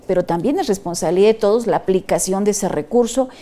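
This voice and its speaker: A woman, a panel guest speaking in a measured, conciliatory way with frequent restarts. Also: medium pitch, warm tone. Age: 50s. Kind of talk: studio panel discussion.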